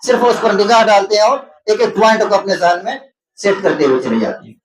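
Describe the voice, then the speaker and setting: A man's voice: high voice, big pitch swings. A man with an Indian Urdu accent gives an exam-prep lecture as a teacher. He asks questions and answers them himself, repeating key terms to explain them. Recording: echoey room.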